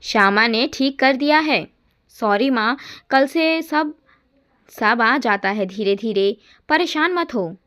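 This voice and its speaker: A woman voicing a gentle, kind middle-aged mother-in-law who reassures softly and warmly. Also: a little high, lively intonation, takes it slowly, clean tone. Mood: reassuring.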